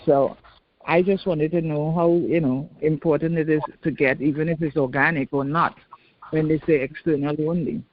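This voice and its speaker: A woman's voice: sits low, fairly even intonation, normal speed, a little hiss or hum. An older woman from Trinidad with a Trinidadian accent, calling in with an earnest question. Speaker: caller. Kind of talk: call-in question. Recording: tinny phone line.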